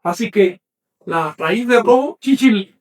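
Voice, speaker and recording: A man teaching an online class, slowly sounding out words syllable by syllable and correcting common mistakes firmly. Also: high voice, animated, a little mellow, recorded from a distance. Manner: slow, emphatic spelling out of syllables; corrective, insistent.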